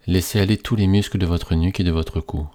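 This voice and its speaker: A man reading a scripted guided relaxation in a slow, soothing, hypnotist-like manner with repetitive phrasing. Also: low-pitched, steady tone, dark tone.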